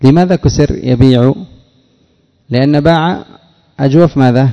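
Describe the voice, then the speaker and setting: A man teaching a classroom lesson, putting questions to his students and drilling word patterns slowly. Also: mid-range voice, dark tone. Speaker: teacher of Arabic morphology. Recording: dull audio with long hall reverb.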